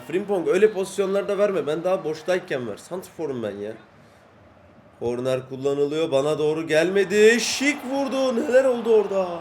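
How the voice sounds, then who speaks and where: A man commentating live as he plays a football video game, excitable, shouting and grumbling at his teammates. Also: high-pitched, a little hiss or hum. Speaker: gaming YouTuber.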